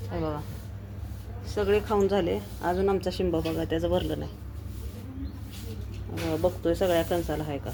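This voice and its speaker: A woman filming a casual home vlog, chatting to viewers and coaxing her pet cats in a fond, lively way. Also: lowish voice, noisy background.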